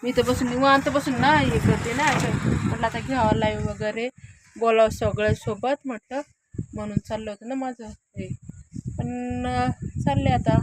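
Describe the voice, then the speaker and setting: A woman's voice: on the high side, fairly even intonation, moderate pace. A young woman chatting casually to her viewers as she films her small daughter, repeatedly urging them to take a look. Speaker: vlogger filming her daughter. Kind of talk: casual vlog narration to viewers. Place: outdoors in the countryside, partly sitting in a vehicle. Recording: noisy outdoor phone recording. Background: sheep and outdoor sounds.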